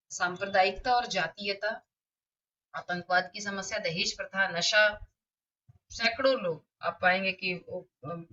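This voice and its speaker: A woman Hindi teacher explaining essay topics to students in a steady, list-like way with frequent fillers. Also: mid-range voice. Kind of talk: explaining essay writing on screen. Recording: distant, dull lo-fi mic.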